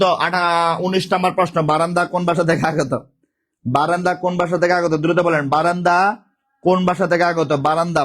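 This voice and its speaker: Male online exam-prep teacher, throat a bit sore, slightly high voice, drills questions over and over. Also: fairly bright tone. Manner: repetitive, calls out student names and drills questions. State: sore throat, speaking softly.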